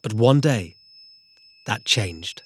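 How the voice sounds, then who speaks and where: A man's voice: on the low side, lively intonation, drawn-out words, slightly rough. A man narrating a documentary from a script, with a dramatic, suspenseful delivery.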